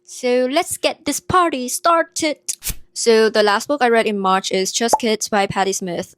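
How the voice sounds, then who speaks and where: A woman with a Vietnamese accent chats through her latest books in a casual vlog, earnest and reflective. Her voice sits a little high. The recording is dry and close, with no room sound. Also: no room sound. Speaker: book vlogger. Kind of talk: casual book review vlog.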